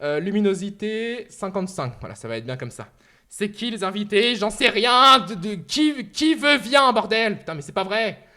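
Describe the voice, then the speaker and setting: A man in his twenties chatting casually on a livestream, excitable and playful, swearing often and breaking into outbursts. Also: high-pitched, normal speed. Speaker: streamer.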